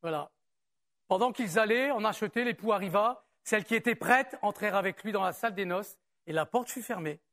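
A man preaching in a church service, with the easy and conversational manner of a pastor talking straight to his people. He peppers the sermon with rhetorical questions. He turns slower and more measured when he reads a passage aloud. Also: sits high, a bit bright.

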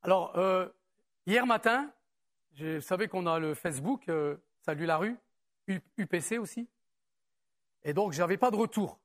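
A man's voice: high voice, animated. Conversational man preaching a sermon. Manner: conversational preaching with rhetorical questions, switching between tu and vous; reads scripture aloud in a slower, measured voice. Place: church service.

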